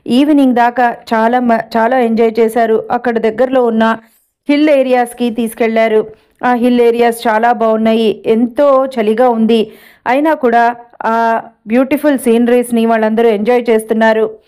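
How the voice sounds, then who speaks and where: Brief: woman storyteller, steady read-aloud narration, somewhat high voice. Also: moderate pace, clean tone.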